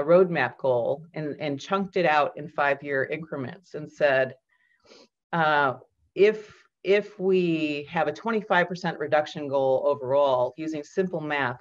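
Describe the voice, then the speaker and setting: A woman keynote speaker presenting over slides in a measured, explanatory way, with frequent ums and restarts. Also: low voice. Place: indoors at home on a video call. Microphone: computer mic on a webcam call. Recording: dull lo-fi video call audio.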